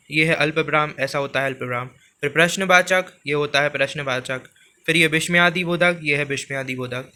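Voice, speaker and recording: A man teaching a grammar lesson for exam preparation, explaining slowly and repeating a filler phrase as he goes through examples. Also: a little high, pushed and bright.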